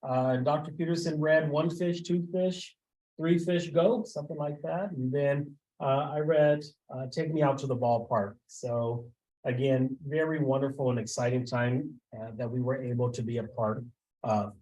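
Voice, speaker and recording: A man, a school administrator, giving a formal report at a board meeting and often pausing on filler sounds. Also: medium pitch, steady tone, warm tone, low-quality recording. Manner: halting, with frequent filler sounds.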